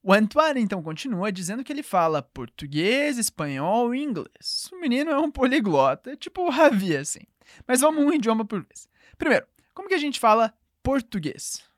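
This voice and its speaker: A woman teaching a language lesson, clear and patient, slowing down to model each phrase. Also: on the high side, sing-song, dry recording, studio quality. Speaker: French teacher.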